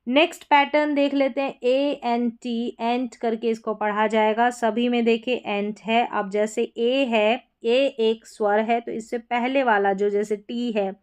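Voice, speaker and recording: Clear-voiced Indian woman teaching pronunciation. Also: a little high, steady tone, a little mellow. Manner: slow, deliberate, spells words letter by letter. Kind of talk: explaining spelling patterns.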